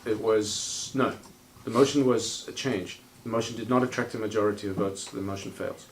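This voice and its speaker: A man chairing a council meeting, calling votes in a procedural, brisk manner with wry asides. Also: fairly low pitch, fairly even intonation, slight background noise.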